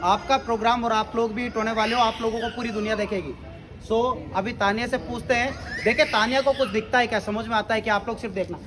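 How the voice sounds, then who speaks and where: A man's voice: very high voice, steady tone, quick pace, background noise. A man giving a live demonstration speech at a school seminar, coaxing the children and mixing in English phrases. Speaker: seminar presenter.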